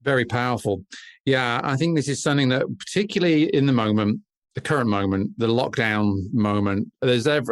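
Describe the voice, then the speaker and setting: Brief: male podcast host, calm, mid-pitched, dry close sound. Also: dry recording. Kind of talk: interview conversation.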